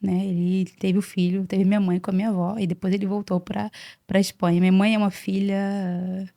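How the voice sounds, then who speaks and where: A Brazilian woman in her forties, a podcast guest, telling her life story in an earnest, animated way and often repeating words. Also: medium pitch, brisk, creaky. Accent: Brazilian Portuguese. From Brazil (Salvador, Bahia). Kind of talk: casual interview storytelling.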